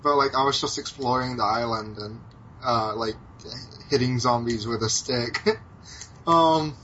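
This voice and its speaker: Bright-voiced American man, lo-fi podcast. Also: medium pitch, a little slow, slight background noise. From United States. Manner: hesitant, many ums and restarts, swears casually. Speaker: podcast co-host. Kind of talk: casual chat about video games.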